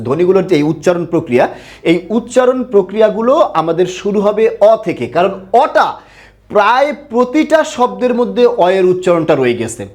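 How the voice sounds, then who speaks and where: A Bengali grammar teacher gives an online pronunciation lesson, posing questions and answering them himself while stretching out words to show each sound. His voice is high-pitched and a little mellow.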